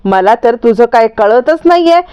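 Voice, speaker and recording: A woman voicing a sharp-tongued older mother-in-law who nags and scolds her daughter-in-law. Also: high voice, normal speed, smooth, muffled recording, close to an everyday voice. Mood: scolding. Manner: scolding, nagging.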